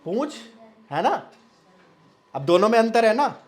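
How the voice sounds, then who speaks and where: A male teacher giving a spoken language lesson, asking questions and answering them himself, repeating words slowly and drawing out their nasal sounds, often checking whether it is clear. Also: high voice, sing-song, a little mellow.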